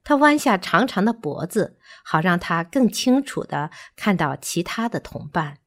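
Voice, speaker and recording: Woman storyteller, children's story reading, slow unhurried pace, wide expressive melody. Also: medium pitch.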